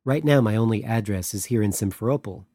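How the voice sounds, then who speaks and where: A man's voice: lowish voice, brisk, warm tone, dry recording, clean studio sound, natural voice. A man voicing a young Estonian woman official who explains things earnestly and a little formally, with an Estonian accent. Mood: explaining.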